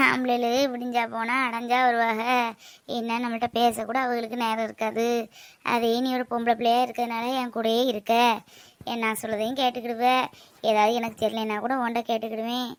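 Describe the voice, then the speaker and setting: A woman voicing a tender middle-aged village mother, talking in a soft, coaxing way. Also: a little high, little pitch movement, normal speed, no echo, natural voice. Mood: tearful.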